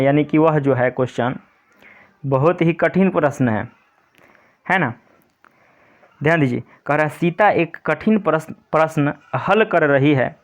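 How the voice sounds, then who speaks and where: A male teacher explaining an English grammar lesson to pupils, patient and repetitive. He reads the English example sentences slowly, word by word. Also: a little high. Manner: repetitive, patient, keeps saying "pay attention".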